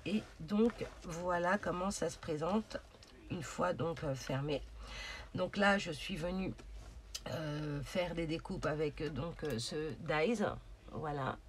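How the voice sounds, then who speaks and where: A woman's voice: low voice, slow, a little hiss or hum. A woman hosting a casual crafting tutorial, chatty and hesitant, with many fillers as she talks through her project. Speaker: craft channel host.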